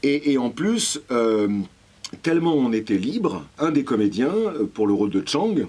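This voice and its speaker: A man, a voice actor guest in an interview, telling lively anecdotes and swearing casually. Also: mid-range voice, moderate pace, slightly rough.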